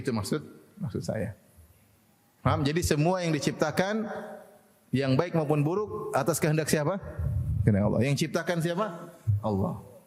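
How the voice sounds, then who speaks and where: Preacher asking the audience questions. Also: male voice, fairly high pitch, a little mellow, big-room sound. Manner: asks the audience rhetorical questions, laughs often. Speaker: Islamic preacher. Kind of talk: religious lecture to a congregation.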